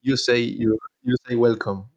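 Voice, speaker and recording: A man's voice: mid-range voice, steady tone, measured pace, muffled recording. A man with a Rioplatense accent, co-hosting a podcast in joking, swearing banter. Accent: Rioplatense Spanish. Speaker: podcast co-host. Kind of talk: casual chat.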